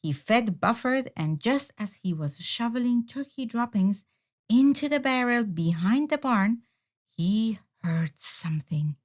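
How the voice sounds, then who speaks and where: A woman with a fairly high voice shares a children's picture book out loud, taking her time and lending each line expressive storytelling flair.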